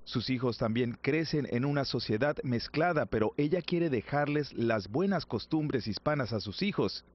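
Measured male news narrator. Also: medium pitch, lo-fi sound. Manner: measured, even reporting tone.

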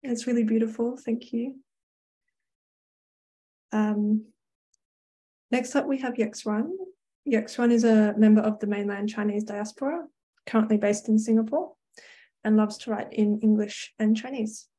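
Woman host, mellow and slightly high, gentle and appreciative. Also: steady tone, unhurried, pauses often, poor audio. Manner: warm thanks with soft fillers. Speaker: event host. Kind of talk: introducing contributors.

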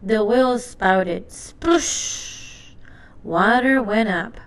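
Reading from a children's storybook, a woman narrates expressively and deliberately in a mid-range voice.

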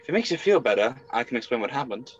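A young man playing a brash, evasive, confused exile caught stealing, halting and excitable, in an amateur video game role-play drama. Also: medium pitch, slight background noise, close to an everyday voice. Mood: cheeky. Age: young adult. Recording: muffled lo-fi home webcam audio.

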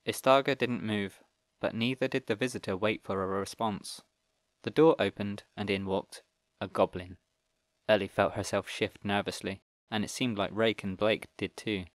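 Guy narrating a kids fantasy book, lowish voice, steady, dry close sound. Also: normal speed, no echo. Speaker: audiobook narrator. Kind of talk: scripted narration.

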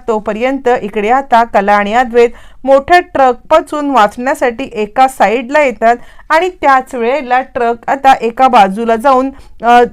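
A woman's voice: sits high, clear, resonant tone. A woman narrating a recap of a TV serial, retelling scenes and acting out the characters' lines.

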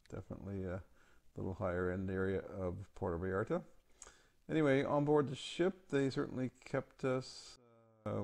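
Man, gravelly, mellow dark tone, casual photo voice-over, hesitant with fillers. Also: on the low side. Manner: halting, many uh and um fillers. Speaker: travel vlog narrator.

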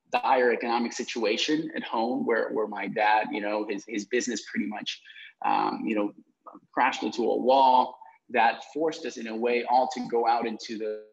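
A man in his thirties from Guatemala, a guest entrepreneur telling his story on a video call, with many fillers and repeated words. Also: medium pitch. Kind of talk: conversational storytelling. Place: indoor room with brick wall. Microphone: video call with earbuds. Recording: muffled lo-fi video call audio.

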